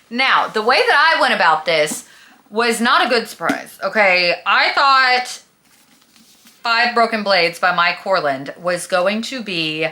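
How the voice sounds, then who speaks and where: A woman book vlogger talks casually in a medium-pitched voice that sounds pushed and bright. Her review is chatty and gushing, full of emphasis, drama, and slang.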